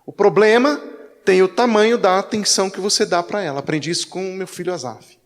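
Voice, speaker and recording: A man's voice: sits high, fairly quick. A man with a Brazilian Portuguese accent, a pastor preaching a conversational sermon with acted-out anecdotes, in a church. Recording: echoey church hall.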